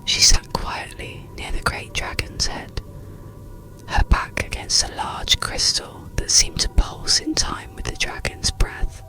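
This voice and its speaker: Soothing and gentle, the narrator's breathy ASMR whisper carries a bedtime story along with deliberate phrasing. Sound quality is poor.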